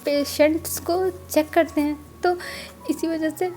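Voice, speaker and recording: A woman's voice: high-pitched, fairly even intonation, slow pace, mellow, soft background music. A woman casually retelling a fan fiction story as the channel's host.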